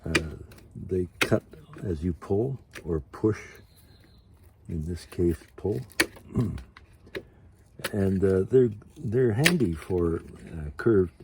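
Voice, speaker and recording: A man in his sixties giving an informal demonstration in an unhurried, halting way, with trailing asides. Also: low voice, expressive, noisy background. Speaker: ventriloquist and puppet carver. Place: outdoor canopy tent used as carving workshop.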